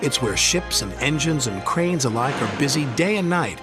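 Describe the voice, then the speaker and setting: A man's voice: mid-range voice, big pitch swings, normal speed. A man reading a children's story aloud expressively, with music behind. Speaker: narrator. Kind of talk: storybook narration.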